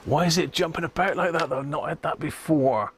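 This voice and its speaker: A British man runs a live repair stream, chatting casually and half to himself while he works, often adding tag questions. His voice sits on the high side, brisk and fairly bright, with a slight roughness.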